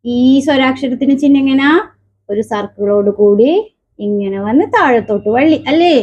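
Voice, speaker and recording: A woman with a Keralan Malayalam accent teaching children letters. She asks question after question, answers them herself, and sounds out letters slowly. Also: on the high side, a little mellow, muffled recording. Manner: slow, drawn-out sounding of letters. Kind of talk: children's alphabet lesson.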